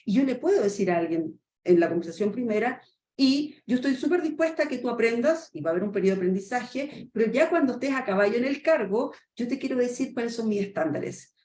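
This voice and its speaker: A Chilean training consultant gives a webinar lecture in an echoey room, frequently checking in with listeners and acting out boss-employee dialogues. Her voice is on the high side, expressive and a little mellow, and she talks fast.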